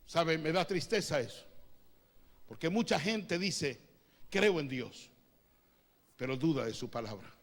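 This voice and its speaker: Male pastor, high voice, preaching with sudden drops to a hush, speaks in tongues. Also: lively intonation. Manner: swings from loud preaching to hushed, drawn-out lines. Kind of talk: sermon. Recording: long hall reverb.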